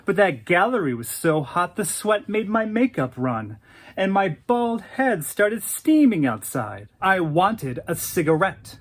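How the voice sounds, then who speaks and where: A man voicing a flamboyant, self-adoring male dancer who calls himself a queen, talking with sassy grandeur. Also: on the high side.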